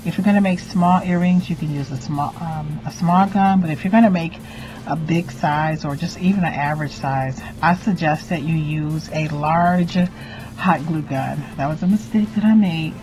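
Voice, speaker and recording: A middle-aged woman hosting a craft vlog, speaking in a theatrical, gushing way with drawn-out emphasized words. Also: low voice. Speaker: craft channel host, doll artist. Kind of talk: vlog and DIY tutorial. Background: music.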